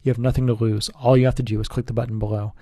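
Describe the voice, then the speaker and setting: A man, a relationship coach, giving an earnest, persuasive sales pitch straight to the listener. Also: little pitch movement, very fast, mellow, dry recording, clean studio sound.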